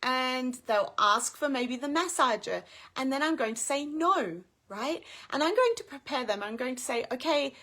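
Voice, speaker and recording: A woman's voice: high voice, lively intonation, normal speed, pushed and bright. A woman parent coach teaching in a live video, upbeat and explaining step by step.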